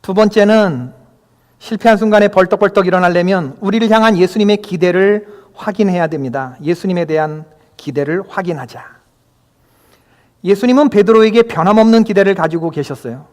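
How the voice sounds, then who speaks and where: A man's voice: high voice, a little fast, darkish tone. A male pastor preaching a Sunday sermon in a church, emphatic and often putting questions to the congregation. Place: church sanctuary. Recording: long hall reverb.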